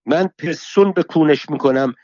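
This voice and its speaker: A man voicing a foul-mouthed, quarrelsome old pilgrim woman who shouts abuse in a theatrical way. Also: on the high side, no echo, pitched above the performer's own voice, close to an everyday voice. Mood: scolding. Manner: shouting insults, abusive, theatrical. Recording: dull lo-fi dry recording.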